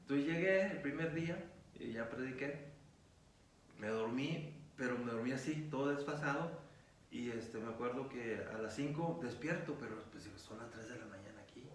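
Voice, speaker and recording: A man's voice: mid-range voice, moderate pace, distant mic. A middle-aged preacher, recounting a personal story in a rambling way full of fillers. He sounds like he is in a very echoey room, set well back from the mic. A faint hum of ambience sits underneath. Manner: rambling retelling with many fillers. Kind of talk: storytelling in an interview.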